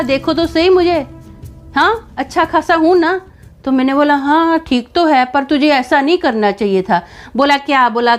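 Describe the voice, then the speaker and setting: A young woman casually telling a first-person story, acting out the lines of the people in it. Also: sits high. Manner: chatty, acts out quoted dialogue.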